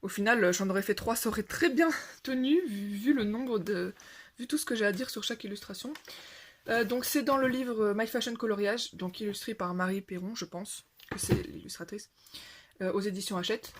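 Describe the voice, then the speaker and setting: A woman's voice: mid-range voice, normal speed, a little hiss or hum. A young woman chatting casually about her finished coloring pages, rambling and correcting herself with lots of fillers. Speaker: coloring video creator. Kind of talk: casual show-and-tell chat.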